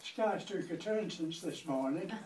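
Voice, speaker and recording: A man's voice: a little high, expressive, unhurried, a little mellow. An elderly man with a Lancashire accent voicing a stubborn old timber merchant, dry and unbending, picked up from a distance in an echoey room.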